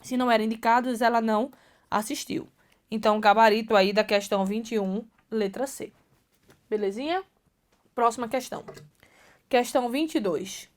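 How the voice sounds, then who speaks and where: A woman with a Brazilian Portuguese accent teaches exam prep in a video lesson. Her voice sits a little high for a woman. She talks her students through each step and keeps checking that they are following. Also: normal speed, long pauses. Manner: lively, coaxing, checks in with students often. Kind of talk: video lesson explaining logic exercises.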